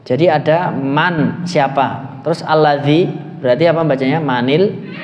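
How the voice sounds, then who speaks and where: A man with a Javanese-tinged Indonesian accent teaching Arabic grammar to a class, quizzing students and chanting phrases slowly. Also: a little high, dull audio. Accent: Indonesian, with Javanese words. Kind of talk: classroom lesson. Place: mosque hall. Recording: echoey, reverberant hall.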